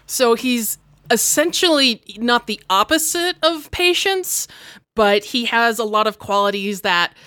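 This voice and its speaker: A woman's voice: mid-range voice, no echo, clean studio sound. Chatty woman playing a tabletop game. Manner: relaxed, chatty, laughs often. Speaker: player. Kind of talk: in-character tabletop game chat.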